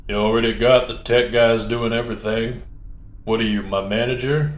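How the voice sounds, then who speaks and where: A man's voice: medium pitch, fairly even intonation, moderate pace, lightly acted. A man voicing a bored, lazy male pirate crewman who drawls sarcastically. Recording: roomy echo.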